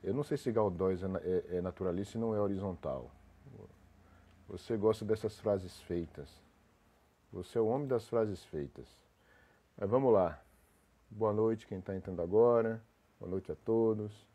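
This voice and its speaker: A man's voice: fairly low pitch, moderate pace, long pauses, mellow, breathy edge. A man with a cold, sounding congested, hosting a casual live stream, greeting viewers by name as he rambles with restarts.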